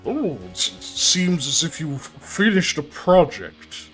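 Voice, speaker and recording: Man voicing a slow, courteous talking tree. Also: on the high side, very animated, a bit bright, soft background music, full character voice. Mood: mildly curious. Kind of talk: tabletop game role-play.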